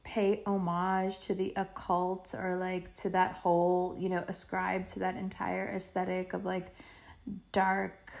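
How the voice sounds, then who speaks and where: A woman hosting a podcast alone, chatting casually and loosely with playful slang, swearing and drawn-out emphasis. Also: fairly low pitch, completely flat delivery, vocal fry, a little mellow. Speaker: podcast host. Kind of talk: casual rambling solo chat.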